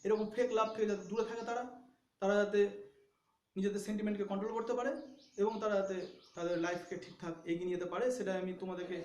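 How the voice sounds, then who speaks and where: A man whose voice sits high and darkish speaks very fast in a steady tone, teaching poetry in an echoey room. He goes over points repeatedly and keeps checking with questions that students understand.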